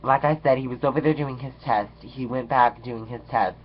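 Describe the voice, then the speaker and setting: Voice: medium pitch, fairly even intonation, normal speed, a little hiss or hum. Sassy, dramatic storyteller on lo-fi video. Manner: sassy and dramatic, swears freely, keeps saying okay. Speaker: vlogger. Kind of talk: casual storytelling rant.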